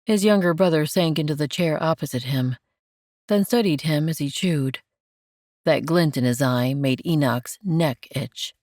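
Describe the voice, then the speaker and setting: Reading romance fiction for an audiobook, this female narrator speaks a little low, taking a slow, soft and careful pace. There's no echo, and the sound is bone-dry with no surrounding space.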